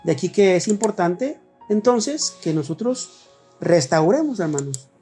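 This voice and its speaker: A Mexican pastor delivers a sermon in an easy, conversational way, sometimes acting out short exchanges between people. His male voice sits fairly high and sounds warm and mellow. Faint instrumental music plays under him. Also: expressive, a little slow, husky. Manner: conversational preaching, acts out little dialogues.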